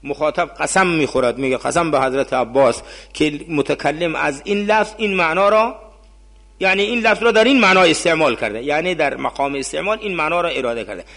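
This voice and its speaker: A man's voice: fairly high pitch, vocal fry, fairly bright tone. A man teaching a class. He reads out Arabic phrases, explains them in Persian and puts questions to his students. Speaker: seminary teacher.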